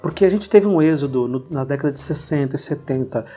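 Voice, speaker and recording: A man hosting a casual podcast conversation, telling anecdotes in a lively way. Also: on the high side, fast, slightly rough, faint music behind. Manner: storytelling, animated retelling of anecdotes. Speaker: podcast host. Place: lives in São Paulo.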